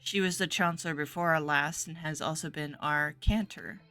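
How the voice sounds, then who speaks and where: A woman voicing a composed, formal middle-aged abbess who speaks in a measured, courteous way. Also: sits low, steady tone, a bit bright, faint music behind.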